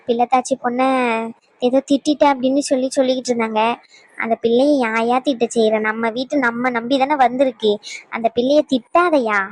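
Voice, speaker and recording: A woman voicing a caring older mother in a dubbed cartoon, coaxing and hesitant, gently scolding her son. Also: a little high, fairly even intonation, a little fast, no room sound, lightly acted. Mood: motherly.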